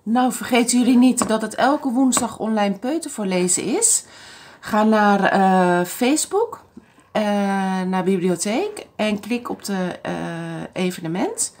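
A woman reading a picture book to toddlers, slow and deliberate, her voice rising and falling in a lively sing-song. Her tone is a little higher than usual and slightly husky. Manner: animated, sing-song, speaks to small children. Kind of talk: reading a picture book aloud to young children.

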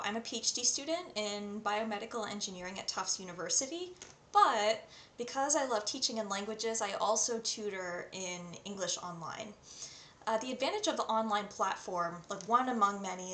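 A woman in her twenties with a North American accent introduces herself to the camera as an online English tutor and reads poems. Her mid-range voice has a fairly bright tone, recorded in a small room at home with roomy echo and faint background noise.

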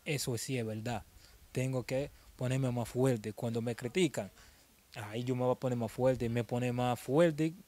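A young man, telling his own story in an interview, halting and often repeating words as he restarts. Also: medium pitch, steady tone, darkish tone.

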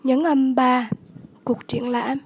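A woman English tutor, slowly repeating vocabulary words and giving the word class, the stressed syllable and the meaning of each. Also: sits high, steady tone, husky. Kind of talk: vocabulary lesson.

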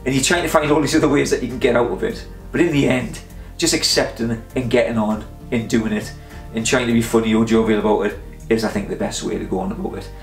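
A man's voice: mid-range voice, steady tone, quick pace. A man talks straight to his camera in a loose, meandering way, stopping and restarting his thoughts as he goes. The sound is roomy and echoey, and faint guitar music plays underneath. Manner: chatty, meandering, self-interrupting with fillers. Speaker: vlogger. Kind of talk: casual rambling talk to camera.

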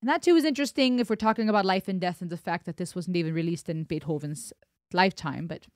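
Speaking at a quick pace in a lowish voice with a darkish tone, a thoughtful woman from Germany, a native German speaker, delivers an analytical song reaction, emphatic and gesturing with her hands. The recording is dry and clean, made in her small indoor home studio on a close studio broadcast mic on a boom arm, with headphones on.

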